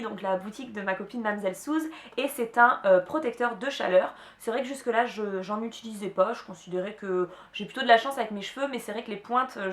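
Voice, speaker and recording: A young woman chatting casually to camera about her beauty favorites, with many hesitations and restarts. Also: medium pitch. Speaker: beauty vlogger. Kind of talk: casual product chat to camera. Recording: echoey room.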